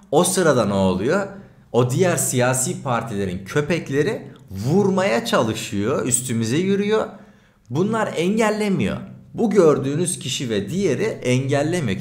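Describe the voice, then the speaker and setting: A man streaming as a journalist, talking over a clip in an indignant, animated way. His pitch swings widely from high to low. The room around him rings with a noticeable echo. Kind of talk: livestream commentary over a video clip.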